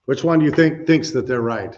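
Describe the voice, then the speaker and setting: In a church meeting room, a middle-aged man gives a loose, conversational sermon with slides, peppering it with "you know" and questions for his responding listeners. His voice is medium-pitched and darkish, animated and a little fast. The audio is dull lo-fi.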